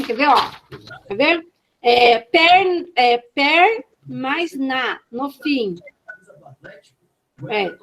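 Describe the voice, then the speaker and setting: A woman teacher leading a casual online class, enthusiastic and slowly sounding out syllables over a video call. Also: high voice, fairly bright tone, slight background noise.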